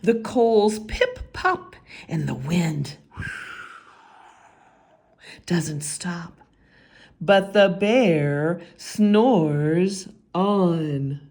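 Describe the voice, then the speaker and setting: A woman's voice: fairly low pitch, lively intonation, drawn-out words, a little mellow. A woman reading a picture book aloud for children in a theatrical way, with whispered asides and stretched-out refrains. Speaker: children's story time reader.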